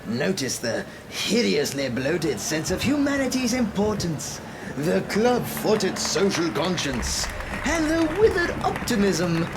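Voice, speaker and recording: Radio drama villain: manic, theatrical clown, gleefully cruel, gravelly fry, hugely animated intonation. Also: male voice, sits high, background noise, full character voice. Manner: mocking, showman-like, cackling, wildly swooping. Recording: amateur radio drama under loud music.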